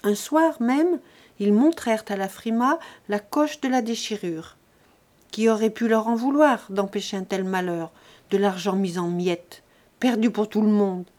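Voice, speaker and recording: Woman reading a novel aloud, steady. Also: mid-range voice, a little slow. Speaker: audiobook reader.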